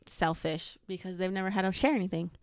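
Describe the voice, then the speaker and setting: A woman's voice: lowish voice, steady tone, quick pace, dry recording. A young woman co-hosting a casual chat, laughing often and swearing easily. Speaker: podcast co-host.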